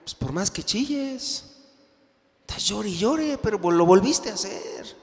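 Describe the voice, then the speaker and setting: Casting: a man voicing an outraged wife in a church parable, shrill and high, loud, long hall reverb. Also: expressive, unhurried. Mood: reproachful. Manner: high-pitched, indignant, loud. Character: betrayed wife scolding her cheating husband.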